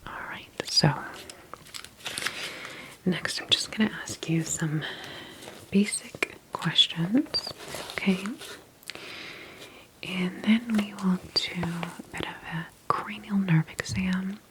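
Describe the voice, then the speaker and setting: This is a soft ASMR roleplay in which a woman with a lowish voice acts as a serene healthcare specialist. She whispers attentively and unhurriedly, breathy and professionally reassuring, over some background noise.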